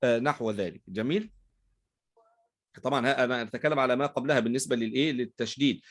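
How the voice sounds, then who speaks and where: A man's voice: mid-range voice, fast talker. A man with an Egyptian Arabic accent teaching a recitation class, posing questions to his students and answering them himself. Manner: asks leading questions and fills in the answers, checks in with "right?". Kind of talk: explaining tajweed rules in a class.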